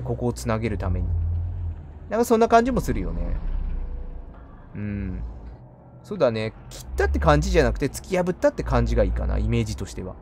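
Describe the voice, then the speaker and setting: A man commenting on a horror game as he plays, muttering quietly and breaking into loud startled outbursts. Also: medium pitch, slight background noise. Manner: muttering to himself, then loud startled outbursts and apologies to monsters.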